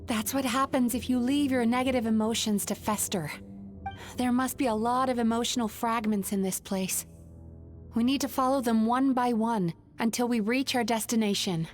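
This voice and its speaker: Woman as dream-hunter guide, resolute, composed, explanatory, highish pitch, game dialogue, faint music. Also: normal speed, close to an everyday voice. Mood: calm, serious. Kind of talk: video game voice acting.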